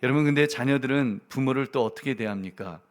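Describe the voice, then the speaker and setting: A male pastor preaching a Sunday sermon in a conversational way, often addressing the congregation, moving between quiet asides and loud emphatic lines. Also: mid-range voice, quick pace.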